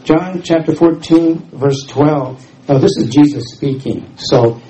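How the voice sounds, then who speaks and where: Fairly high in pitch but dark in tone, this scratchy male voice moves unhurriedly. It's the middle-aged former missionary from Houston, Texas, giving an informal, self-deprecating guest sermon in a church hall with frequent sentence restarts.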